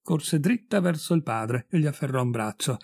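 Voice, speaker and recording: A man reading a ghost story aloud as an audiobook, voicing the characters with raised pitch and emphasis. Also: lively intonation, moderate pace, creaky, darkish tone, husky, no echo, studio quality. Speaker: audiobook reader. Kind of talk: expressive audiobook narration.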